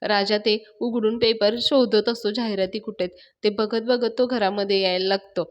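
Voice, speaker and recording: A woman reviewer casually retelling a TV serial episode in a chatty, lively storytelling manner. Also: mid-range voice, moderate pace, highs cut off.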